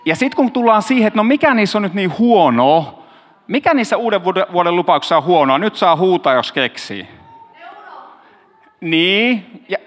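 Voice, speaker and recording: High-voiced man, chatty joking pastor, casual sermon, long hall echo. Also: a bit bright. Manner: joking, chatty, talks to the audience directly.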